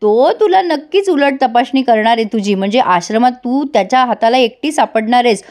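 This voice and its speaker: A woman voicing a teasing young man who mocks his cousin in a drawn-out, taunting way. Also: a little high, lively intonation, darkish tone, lightly acted.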